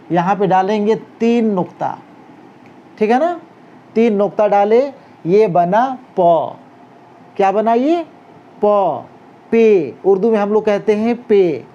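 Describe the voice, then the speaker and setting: A man teaching a handwriting lesson, talking slowly through each stroke as he writes and checking in with a rising "okay?" after every step. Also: sits high, mellow. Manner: talks while writing, guiding each stroke. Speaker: Urdu teacher. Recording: dull lo-fi recording with faint noise.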